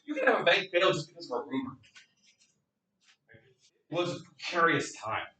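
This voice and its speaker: A man's voice: on the high side, normal speed, slight background noise. A male economics lecturer teaching a class, acting out little scenes and putting questions to his students. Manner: lively storytelling, acts out scenes, asks students questions. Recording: echoey classroom, voice from far off.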